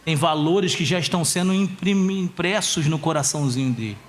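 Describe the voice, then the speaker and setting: High-voiced male pastor preaching passionately. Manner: impassioned preaching, slowing to stress key phrases; storytelling with family anecdotes. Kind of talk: sermon. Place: church conference stage.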